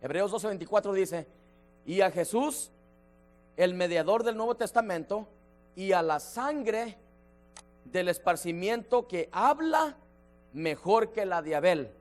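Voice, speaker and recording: A man leading a church Bible study, emphatic, slowing down to stress key words and addressing listeners by name. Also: high-pitched, lively intonation, soft background music. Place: church sanctuary.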